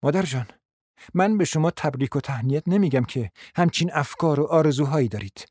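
A proud, bitter young woman , played by a man in a radio drama, sharp and scornful in a high voice. The sound is dry and close. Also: expressive, no room sound.

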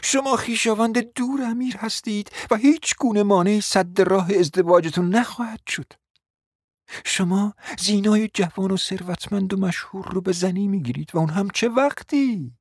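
A cunning, flattering provincial mother played by a woman in a radio drama, coaxing in a smooth, persuasive voice that keeps sinking to a whisper. The sound is dry and close, with no room around it. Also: medium pitch, no echo, natural voice. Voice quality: coaxing, often drops to a whisper. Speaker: scheming mother. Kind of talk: radio play acting.

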